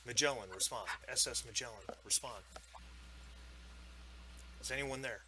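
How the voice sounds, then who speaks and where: A man game master voicing a male colonel who is stuck in a hive. He speaks in a hushed whisper and talks in halting, urgent bursts. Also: medium pitch, slight background noise.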